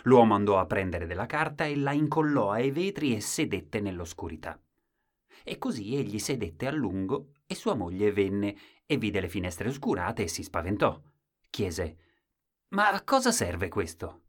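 A man reading a children's story aloud in a measured, expressive way. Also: lowish voice. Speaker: reader.

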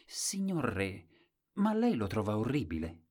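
A man's voice: lowish voice, huge pitch swings, a little slow, darkish tone, heavily acted. A man voicing a small, pale, timid boy who is innocent and full of wonder.

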